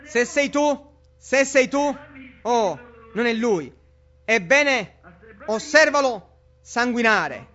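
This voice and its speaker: A man's voice: extremely high pitch, lively intonation, slow, long pauses, sharp tone, heavily acted. A man voicing a sneering, boastful male devil who taunts and mocks, on a dull lo-fi recording. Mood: taunting. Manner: mocking, taunting.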